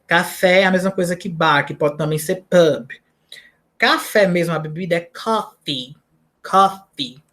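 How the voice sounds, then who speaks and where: A woman's voice: on the low side, moderate pace, a bit bright. A Brazilian woman teaching English to students in a recorded lesson, explaining words step by step and checking in with "né?" and "tá?". She has a Brazilian Portuguese accent. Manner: explains false cognates, corrects herself, asks "né?" and "tá?".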